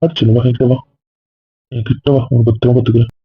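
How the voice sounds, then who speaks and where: A man's voice: medium pitch, level tone, breathy edge, no echo. A man playing a possessive, jealous young husband in an amateur audio drama, pleading one moment and stubborn the next. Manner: pleading then stubborn, quick-talking. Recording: dry, tinny phone-like lo-fi audio.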